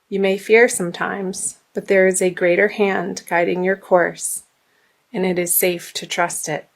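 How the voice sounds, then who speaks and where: A woman giving a tarot reading, gently reading guidance text aloud, her voice slightly hoarse. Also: fairly low pitch. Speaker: tarot reader.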